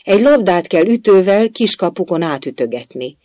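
A narrator voicing a bold, curious little girl with a higher, lively voice.

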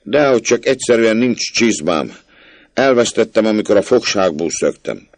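A man reading a story aloud, voicing an earnest, hurried young man answering his uncle. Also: lowish voice, lively intonation, no echo, pitched above the performer's own voice, lightly acted. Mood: eager.

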